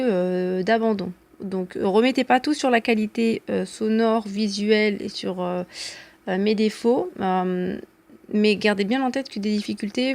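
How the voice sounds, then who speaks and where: Woman, language teacher, casual video lesson, mid-range pitch, hesitant, self-deprecating, encouraging. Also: darkish tone. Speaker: Arabic teacher.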